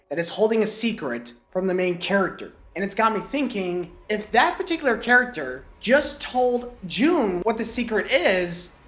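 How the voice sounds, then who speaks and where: Animated woman with a cold-roughened voice. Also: mid-range voice. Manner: playful, jokey asides. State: recovering from a cold. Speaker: film reviewer. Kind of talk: scripted movie review. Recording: echoey room with music.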